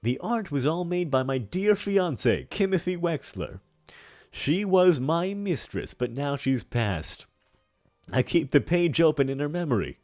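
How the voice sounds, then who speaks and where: A man's voice: on the high side, sing-song, unhurried, darkish tone, soft background music, pitched above the performer's own voice. A man voicing a pompous, menacing, melodramatic older man in a hammy stage-actor manner for a comic dramatic reading. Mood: pleading, melodramatic. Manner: hammy stage-actor delivery with grandiose emphasis.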